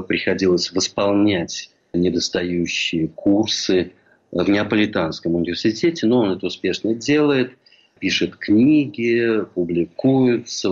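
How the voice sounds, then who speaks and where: Low husky older man reminiscing. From Russia, St. Petersburg. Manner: measured, reflective storytelling. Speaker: historian recalling a colleague. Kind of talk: memoir lecture. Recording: dull lo-fi recording.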